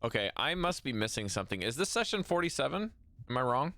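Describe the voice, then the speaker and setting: A man's voice: medium pitch, sing-song, quick pace, pushed and bright, no room sound. A man chatting and joking as a player and streamer of a tabletop game, laughing often.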